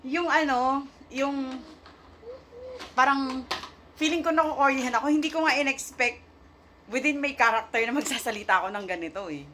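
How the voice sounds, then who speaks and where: A woman giving an emotional faith testimony to her viewers, halting and searching for words as she talks, shaky and near tears at times. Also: high-pitched, fairly bright tone, slight background noise. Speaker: vlogger sharing a faith testimony.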